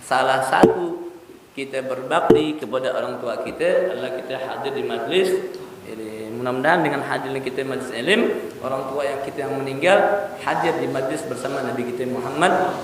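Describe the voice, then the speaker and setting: Lively man preaching in echoey hall. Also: medium pitch, brisk, slight background noise. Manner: lively storytelling, acts out dialogue. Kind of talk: sermon. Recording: echoey hall with long reverb.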